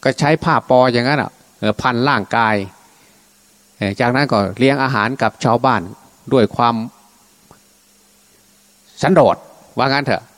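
A man's voice: medium pitch, normal speed, pauses often, a bit bright. A man preaching as a Buddhist monk, telling a scripture story in colloquial, unscripted speech and voicing the dialogue himself. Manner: colloquial, acts out dialogue in his own voice. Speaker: Buddhist monk giving a Dhamma talk.

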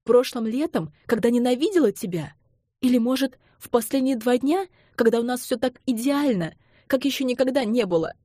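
A woman reading the lines of a young woman who speaks softly and then cries out in desperation, in an audiobook. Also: mid-range voice, moderate pace, slightly rough, dry recording, clean studio sound, close to an everyday voice. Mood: desperate. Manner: soft voice breaking into pleading cries.

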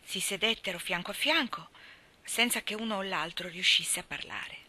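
A woman reading a literary story aloud, with soft, hushed narration that often drops to a whisper. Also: mid-range voice, moderate pace. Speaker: reader.

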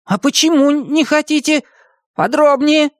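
A narrator voicing a jumpy, boastful young storybook hero who speaks in an excited, demanding way. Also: sits high, normal speed, no room sound, clean studio sound, pitched above the performer's own voice, lightly acted. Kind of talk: audiobook character voice.

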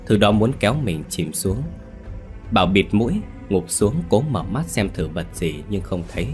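A man narrating a scripted horror story in a steady, measured way. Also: lowish voice. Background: faint music.

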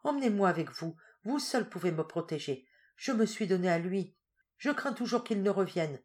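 Storybook: terrified young woman, begging for protection, voiced by a woman reader, high and desperate. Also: lively intonation, moderate pace, a little mellow, natural voice. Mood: pleading. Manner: pleading, desperate. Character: frightened young woman, pleading and repentant.

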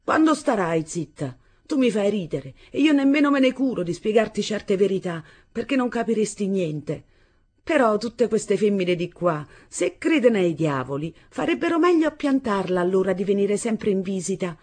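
A woman's voice: medium pitch, very animated, moderate pace, a little mellow, pitched above the performer's own voice. A woman reading an audiobook voices a haughty teenage boy speaking with contempt. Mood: contemptuous. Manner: disdainful, lofty.

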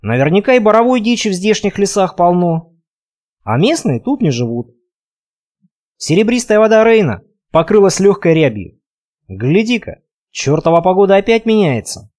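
A man reads a first-person adventure audiobook with expressive, conversational storytelling. His voice sits high for a man and moves a lot, climbing and dipping through each sentence. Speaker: audiobook narrator.

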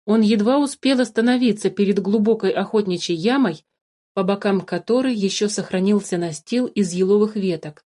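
A woman narrating a children's fairy-tale story in an expressive reading voice. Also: medium pitch.

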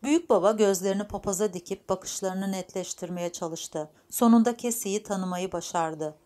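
In a medium-pitched, steady voice, a woman reads an audiobook with measured, scripted narration.

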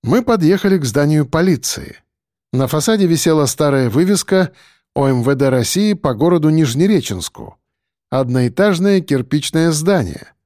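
A man narrating an audiobook in an expressive storytelling manner. His voice sits a bit high and moves in a lively, animated way. It is recorded close and dry, with no room sound. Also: normal speed, dry recording.

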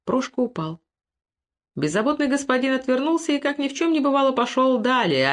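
A woman reading classic literary prose as an audiobook, in a measured narration. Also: a little high. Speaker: audiobook reader.

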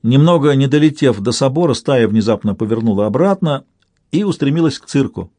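A man narrating a literary audiobook in a steady, expressive storytelling manner. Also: medium pitch, brisk, no echo.

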